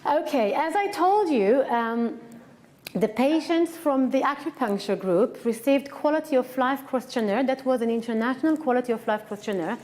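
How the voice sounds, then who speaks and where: Israeli woman, conference lecturer; mellow, slightly high voice, frank and emphatic delivery. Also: normal speed. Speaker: researcher giving a conference talk. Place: conference hall.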